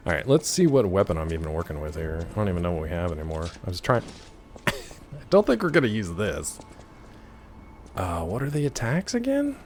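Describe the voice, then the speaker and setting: A man's voice: low-pitched, sing-song, fairly quick. A man giving casual, rambling gameplay commentary, joking playfully as he chats with his viewers. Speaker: game streamer.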